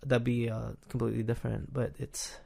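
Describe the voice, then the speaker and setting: A man with a gravelly, fry-edged voice hosts a laid-back podcast chat. He talks in halting bits, stacking fillers and restarting his sentences, and often chuckles mid-thought. His pitch sits at a middling level. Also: level tone, a little mellow. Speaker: podcast host.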